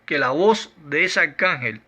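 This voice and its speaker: A man giving a doctrinal Bible lesson, arguing point by point through numbered rhetorical questions in a slow, emphatic delivery. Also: on the high side, animated, bright, forceful tone. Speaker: Bible teacher.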